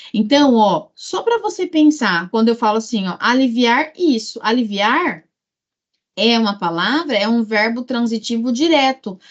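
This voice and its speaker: A woman's voice: medium pitch, highs cut off. A Brazilian woman teaching an exam-prep grammar lesson, explaining step by step and checking in with her students often. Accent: Brazilian Portuguese.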